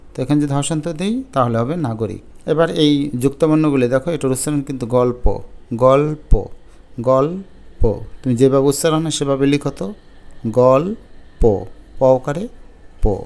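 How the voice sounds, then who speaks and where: A male teacher working through a grammar lesson for exam students, breaking words into syllables and sounding each one out. His voice sits fairly high and comes through smooth and clear. He talks straight to his students. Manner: explains step by step, slowly sounding out syllables.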